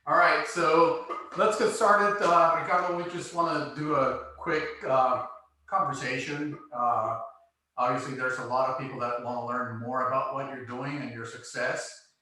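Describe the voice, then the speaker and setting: A man's voice: mid-range voice, fairly even intonation, moderate pace, pushed and bright. A male podcast host chatting in a laid-back, self-deprecating way and laughing easily. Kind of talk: casual chat. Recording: very echoey room, far from the mic, faint noise.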